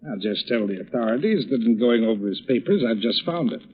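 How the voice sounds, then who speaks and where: An actor playing a ruthless, bullying swindler with hard, clipped delivery in an old radio crime drama. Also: male voice, mid-range voice, lively intonation, quick pace, breathy edge. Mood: scheming, impatient. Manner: hard, clipped commands, defiant. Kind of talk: 1930s-40s radio acting. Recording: muffled, narrow-band old radio recording.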